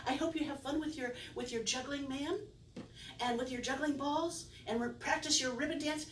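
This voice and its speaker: A middle-aged woman, a children's magician and circus performer, speaks to her party audience in a high voice at a normal pace, full of playful theatrics, exaggerated wonder and feigned confusion. The distant camera in her indoor room with a small curtained stage yields roomy sound and faint noise.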